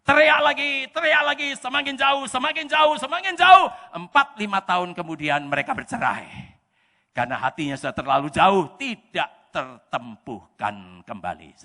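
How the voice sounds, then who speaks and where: A male pastor with a Javanese-inflected Indonesian accent preaching a sermon in church, animated and often bursting into shouts. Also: sits high, normal speed. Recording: echoey church hall reverb.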